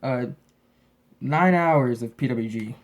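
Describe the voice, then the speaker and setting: Taking it slowly in a medium-pitched voice, a man shows off his wrestling DVDs in a casual, rambling show-and-tell update he hosts. Braces give him a lisp, and he sounds slightly sick and sniffly.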